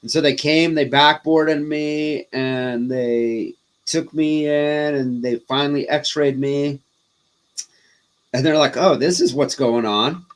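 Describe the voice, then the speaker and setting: Man, forties, slightly high voice, casual chat, animated storytelling, self-deprecating. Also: slow. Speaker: podcast guest, disc golfer.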